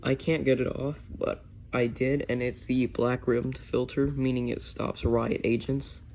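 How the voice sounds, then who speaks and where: A man's voice: mid-range voice, little pitch movement, unhurried, darkish tone. A man giving a casual, hands-on product review, a little tentative in how he puts things. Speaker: gas mask reviewer. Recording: noisy amateur video.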